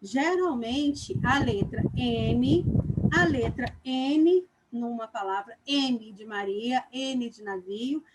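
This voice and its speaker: Over background noise, a high-pitched woman with a Brazilian Portuguese accent teaches small children online, live. As a primary school teacher, she keeps her speech slow and deliberate, draws out her words, and frequently asks "ok?".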